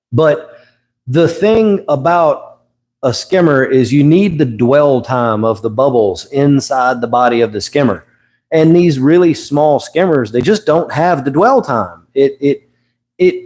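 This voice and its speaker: A man's voice: mid-range voice, a little mellow. Middle-aged male stream host, easygoing, rambly, corrects himself mid-sentence. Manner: rambling, self-correcting, chuckles often. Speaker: host of an aquarium livestream. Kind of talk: casual livestream teaching.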